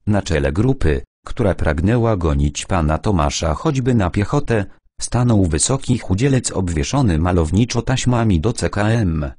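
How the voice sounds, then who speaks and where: A man narrating a first-person adventure audiobook in a measured, steady way. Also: low voice, no echo, clean studio sound.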